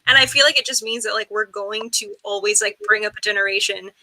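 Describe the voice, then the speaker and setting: A woman's voice: medium pitch, quick pace, sharp tone, no echo, rough recording. A young woman on a casual video call, talking earnestly and rambling, with lots of "like". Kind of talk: casual group video chat.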